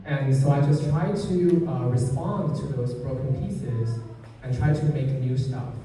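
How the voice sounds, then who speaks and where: A man's voice: mid-range voice, unhurried, mellow, a little hiss or hum. A man from China, a sculptor on a gallery panel, speaking hesitantly with many fillers. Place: gallery event space. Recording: echoey hall, distant mic.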